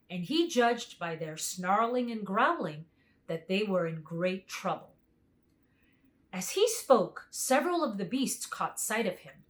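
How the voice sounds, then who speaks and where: A woman with a mid-range voice reads a children's book aloud, narrating expressively like a storyteller.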